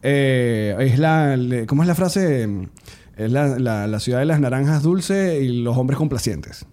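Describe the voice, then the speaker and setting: A man's voice: mid-range voice, animated, unhurried, warm tone. A man with a Venezuelan accent, co-hosting a comedy podcast in casual chat, rambling with many restarts and frequent laughs. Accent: Venezuelan Spanish. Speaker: podcast co-host and stand-up comedian.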